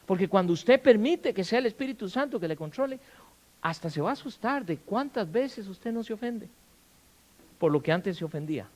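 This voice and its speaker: A man preaching a sermon in a church, firing questions at the congregation and acting out quarrels in loud bursts. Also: high voice, animated, normal speed, rough recording. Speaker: pastor. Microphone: handheld or stand mic.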